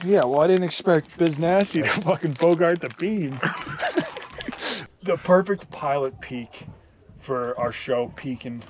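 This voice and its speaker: A man's voice: fairly high pitch, measured pace, noisy background. A man hosting a hiking show, chatting casually outdoors on a trail, laughing often and swearing freely. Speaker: show host.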